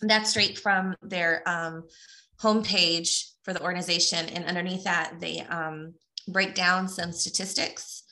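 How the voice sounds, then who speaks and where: Casting: middle-aged woman, bright clear voice, chatty and plain-spoken co-host. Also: lowish voice, fairly even intonation, a little slow. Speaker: podcast co-host. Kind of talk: casual chat, reading aloud.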